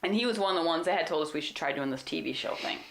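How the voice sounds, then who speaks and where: A woman co-hosting a podcast, telling hunting stories in an animated, rambling way. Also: low voice, rapid-fire, vocal fry, slight background noise. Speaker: podcast co-host. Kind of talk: casual storytelling chat. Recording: roomy echo.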